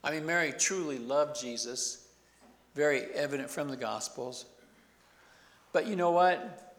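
A man delivers a sermon in a relaxed, talkative way, pausing to toss rhetorical questions to his listeners. His voice sits a little higher than most men's. A long reverb from the large hall trails after each phrase. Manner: conversational preaching with rhetorical questions and asides. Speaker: pastor.

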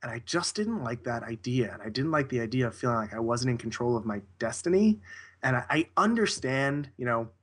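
A man's voice: medium pitch, animated, brisk, a bit bright. Rambling man talking casually as a guest. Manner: rambling, self-correcting, with frequent restarts. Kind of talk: casual interview conversation.

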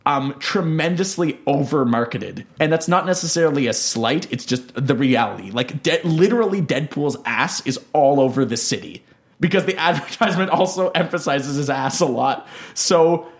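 A man's voice: fairly high pitch, animated, normal speed. A young man co-hosting a podcast in casual chat, rambling and self-deprecating with lots of fillers. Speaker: podcast co-host.

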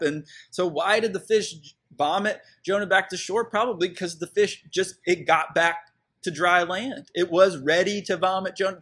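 A man's voice: sits high, a bit bright, breathy edge. A man, preaching a sermon in a conversational, reflective way with fillers and restarts. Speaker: pastor.

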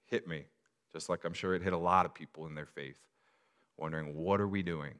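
A man's voice: deep voice, a bit bright, clear, resonant tone. A man, a pastor, preaching a personal sermon in an earnest, confessional way that builds to emphatic repeated phrases.

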